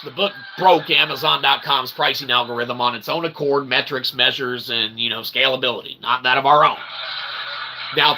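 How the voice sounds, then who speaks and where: A livestream host and self-published author rambles through a monologue in a medium-pitched voice against a noisy background. He is wordy and mock-formal, repeating himself emphatically and tacking on tag questions.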